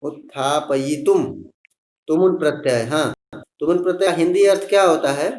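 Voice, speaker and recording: A man's voice: fairly high pitch, darkish tone, reverberant. A man teaching a Sanskrit class to schoolchildren, patiently breaking words into parts and coaxing the pupils to answer. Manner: patient, coaxing, spells out words slowly piece by piece.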